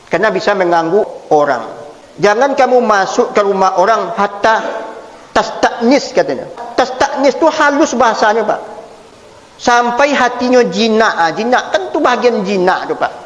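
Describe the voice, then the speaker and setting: A man preaching with a Minangkabau accent, lively and humorous, acting out little dialogues and chuckling. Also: high voice, roomy sound, in a large hall, muffled recording.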